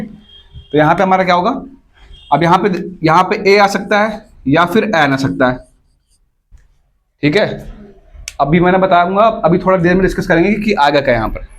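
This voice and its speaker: A man teaching an English grammar class to students, explaining step by step and often stopping to ask whether everyone has understood. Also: high-pitched. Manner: keeps checking whether students follow, repeats points.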